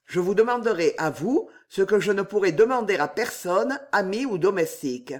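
A man's voice: high-pitched, expressive, normal speed. A man reading aloud, voicing a scheming nobleman who speaks in firm, emphatic declarations. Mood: commanding. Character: commanding scheming nobleman, cool and insistent.

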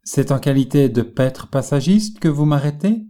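A man's voice: on the high side, lively intonation, normal speed, dark tone, close to an everyday voice. A man reading an audiobook, voicing a carefree male travelling painter who answers with ironic, jaunty retorts. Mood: mocking.

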